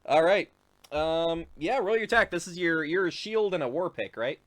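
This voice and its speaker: A man's voice: a little high, expressive, moderate pace. A man narrating as game master of a tabletop game, rambling with fillers and frequent chuckles.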